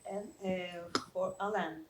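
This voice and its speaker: A woman moderating a panel discussion, halting and searching for words. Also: lowish voice, steady tone, fairly bright tone, slight background noise.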